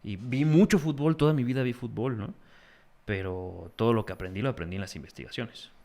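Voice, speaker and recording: A young man with a Mexican accent, a guest in a casual interview, telling stories in an animated, slangy way. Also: medium pitch, fairly quick. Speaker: guest, magazine founder.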